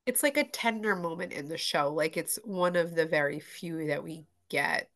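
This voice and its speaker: A woman's voice: low voice, moderate pace, fairly bright tone. A woman co-hosting a podcast, chatting casually and animatedly about a show, acting out quotes with voices. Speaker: podcast co-host. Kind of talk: casual chat.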